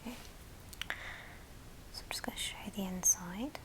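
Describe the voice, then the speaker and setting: An ASMR video host, a woman, speaks in a breathy, unvoiced whisper at medium pitch, gently presenting items in a show and tell. She pauses between short phrases. The recording is low quality.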